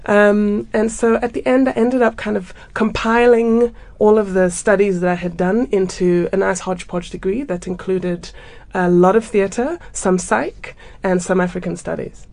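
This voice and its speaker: Gravelly-voiced woman from Zambia. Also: mid-range voice, warm tone. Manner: chatty, laughs often. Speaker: theatre maker and drama teacher. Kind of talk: radio interview guest.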